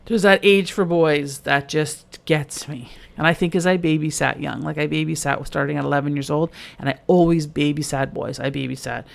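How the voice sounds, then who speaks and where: A middle-aged woman, co-hosting a podcast in casual, animated chat, full of "like". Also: low-pitched, moderate pace, vocal fry, few pauses. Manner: chatty, fillers of "like", animated storytelling. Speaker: podcast co-host.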